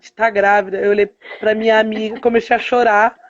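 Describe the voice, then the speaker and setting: On a live stream interview, a woman tells her own story as a mother, an emotional personal testimony full of hesitant fillers and quoted dialogue. Her voice is a little high with little pitch movement, and she talks fairly quickly. The audio is dull.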